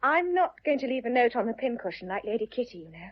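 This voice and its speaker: A woman's voice: fairly high pitch, sing-song, fast talker. A woman playing a young married Englishwoman who speaks in a fond, teasing way in a radio play. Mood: tender. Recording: dull lo-fi recording.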